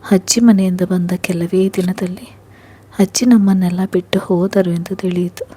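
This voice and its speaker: Soft-spoken woman storyteller, hushed. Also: lowish voice, steady tone, moderate pace, slightly rough. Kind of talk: first-person story narration.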